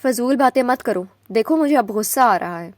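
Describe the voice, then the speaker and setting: A possessive young husband who pleads fast and forcefully, as a woman narrator voices him. The delivery is urgent and close, with a fairly high dry sound, from a spoken romance novel. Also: lively intonation, no echo, lightly acted. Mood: urgent pleading.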